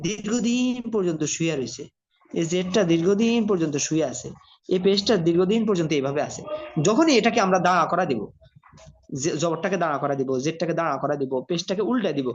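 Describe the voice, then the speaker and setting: A man from Bangladesh, teaching Quran reading by spelling letters one at a time and blending them slowly, asking his learners questions. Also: high voice, slight background noise. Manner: addresses learners directly, asks and answers own questions. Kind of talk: slow spelled-out recitation lesson. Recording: dull lo-fi audio.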